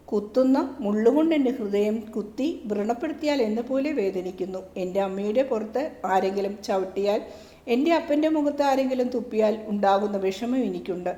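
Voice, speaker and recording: A woman's voice: mid-range voice, mellow, echoey room, muffled recording, lightly acted. A woman voicing a grieving young male disciple who speaks in a sorrowful, earnest way.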